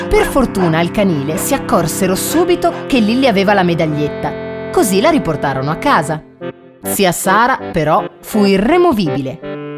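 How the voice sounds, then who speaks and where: A woman narrating a children's storybook in an expressive, animated way. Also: medium pitch. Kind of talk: storybook reading. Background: background music.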